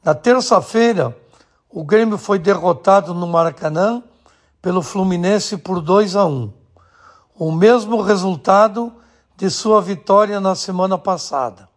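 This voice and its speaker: A man from Rio do Sul, reading scripted sports commentary on the radio in a measured, deliberate way with short phrases. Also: high voice.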